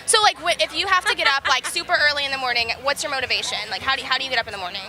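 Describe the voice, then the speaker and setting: A young woman interviews a guest for a student morning show, her voice pitched very high. She gushes with enthusiasm, reacting eagerly between her questions. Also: very fast, a crowd in the background, low-quality recording. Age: young adult. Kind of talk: casual interview.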